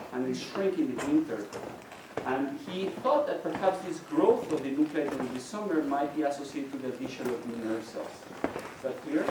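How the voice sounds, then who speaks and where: A middle-aged man from Mexico, Spanish being his first language, lectures at a university in an explanatory style full of restarts. His pitch is fairly high, and the recording from a distant mic in a very echoey hall has a noisy background.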